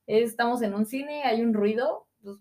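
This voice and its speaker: A woman's voice: a little high, unhurried, mellow. A woman co-hosting a podcast, telling a story at length in a rambling way and acting out what other people said. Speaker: podcast co-host. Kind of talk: casual podcast chat.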